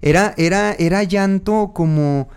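Guy on a podcast, voice sits kinda high, telling his own story all animated, acting out what he was thinking. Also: measured pace, clean tone. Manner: animated, acts out his own inner dialogue. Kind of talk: casual personal storytelling.

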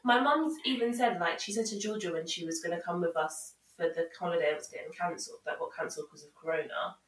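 A young British woman with a slightly low voice tells casual, self-mocking stories in a podcast chat. She sprinkles her sentences with "like". The room echoes and she sits a little away from the microphone. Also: fast. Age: young adult. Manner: chatty, self-mocking, heavy use of "like". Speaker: podcast co-host. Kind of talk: casual chat, animated anecdotes. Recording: roomy echo, distant from mic.

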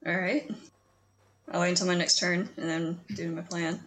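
A woman's voice: fairly low pitch, little pitch movement, normal speed, a little hiss or hum. A woman playing a tabletop role-playing game, chatting casually.

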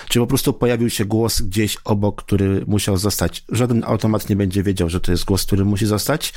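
A man hosting a podcast in casual conversation, thoughtful, pausing on fillers and restarting phrases. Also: lowish voice, a little mellow, no echo, clean studio sound.

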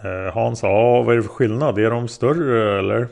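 A man reading the lines of a hesitant male taxi driver being questioned as a witness, in a plain, halting way. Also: medium pitch, creaky, a little mellow, lightly acted. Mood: unsure. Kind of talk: read-aloud interrogation transcript.

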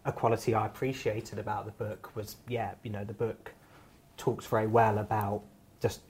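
A man's voice: on the low side, little pitch movement, normal speed, a little mellow. Male literary interviewer, Home Counties English accent, hesitant and diffident, slightly noisy recording. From Surrey, England. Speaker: event interviewer, writer. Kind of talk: literary discussion.

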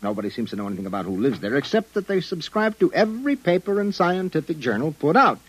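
An actor playing a brusque, wisecracking private detective boss with a husky voice, in old-time radio style. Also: male voice, on the high side, big pitch swings, fast talker, no echo, poor audio. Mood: businesslike. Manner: bossy, hard-boiled, sardonic.

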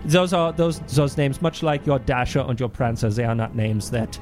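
With music running underneath, a man voices a somber, brooding German cultural ambassador, German accent included, mixing theatrical comic reading with dry, pedantic explanation. His pitch is medium and his pace moderate, close to how he'd sound in everyday speech.

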